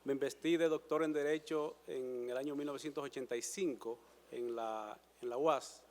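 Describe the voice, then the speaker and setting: A lawyer in his sixties with a Dominican accent, giving a formal presentation to a panel in a measured way, pausing often with fillers. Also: medium pitch, steady tone, a little hiss or hum. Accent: Dominican Spanish. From Dominican Republic. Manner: measured, hesitant with frequent fillers and restarts. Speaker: lawyer applying before a judicial council. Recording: hall reverb.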